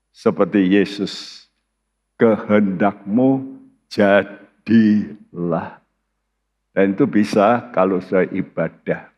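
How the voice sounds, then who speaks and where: Slow-preaching man in a reverberant church. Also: lowish voice, a little mellow. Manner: preaching with emphatic rising outbursts and questions to the congregation. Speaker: pastor. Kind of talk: sermon. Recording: muffled livestream sound in a large reverberant church.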